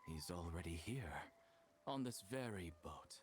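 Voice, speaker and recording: An actor playing a confident, theatrical master in a martial arts game, husky and unhurried. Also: male voice, low voice, expressive, a little hiss or hum. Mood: smug, commanding. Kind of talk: scripted game voice acting.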